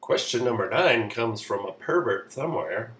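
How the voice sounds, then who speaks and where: A man's voice: mid-range voice, expressive, moderate pace, a bit bright, recorded from a distance. A man giving sarcastic, mock-authoritative parenting advice in a comedy vlog. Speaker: comedy vlogger. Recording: roomy echo, off-mic, faint noise.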